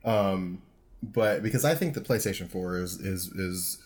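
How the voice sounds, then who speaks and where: A man with a fairly low voice co-hosting a casual podcast on a studio microphone. He teases his partner with dry, deadpan jokes and otherwise talks at length in a relaxed way. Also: a little slow, slightly rough. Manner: dry, teasing humor. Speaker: podcast co-host.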